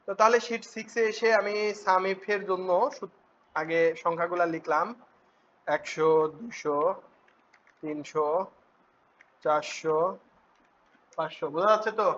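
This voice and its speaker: A man teaching a spreadsheet class, often asking students quick check questions. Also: high-pitched, a bit bright. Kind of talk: spreadsheet tutorial. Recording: dull lo-fi recording with faint noise.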